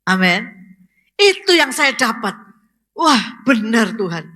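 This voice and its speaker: A woman's voice: on the high side, big pitch swings, takes it slowly, bright, forceful tone. A woman pastor, preaching a sermon and asking the congregation questions, rising to emphatic exclamations.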